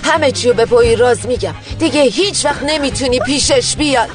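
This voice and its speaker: A stern older grandmother scolds in a high, sharp voice, dubbed by a woman. Music plays clearly beneath the dialogue of this drama dub. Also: lightly acted. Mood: scolding. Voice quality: harsh, scolding.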